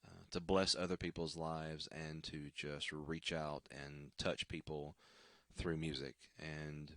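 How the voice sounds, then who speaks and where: At home, a worship singer hosting a livestream signs off with casual chat in an extremely low, deep baritone that sounds worn and scratchy. His delivery is flat and halting, with lots of ums and restarts. The sound is close and dry.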